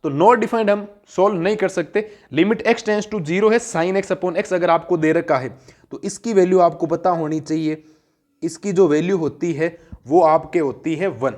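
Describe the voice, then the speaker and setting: Unhurried and darkish in tone, a high-voiced math teacher guides students through a classroom lesson. He asks questions only to answer them himself, and he repeats each main point so it stays with them.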